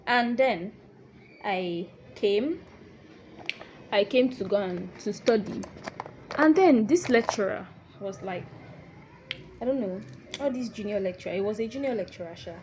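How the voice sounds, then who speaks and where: Young Nigerian woman for a storytime vlog, lively and expressive, fairly high voice, slips into hushed asides, faint background hiss. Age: young adult. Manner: animated, drops into hushed asides. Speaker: vlogger.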